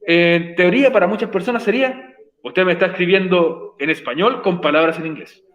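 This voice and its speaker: A man's voice: high voice, a little fast, a bit bright, reverberant, lo-fi sound. Patient man teaching a class. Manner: patient, encouraging, explains step by step. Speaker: English teacher. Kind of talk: online class explanation.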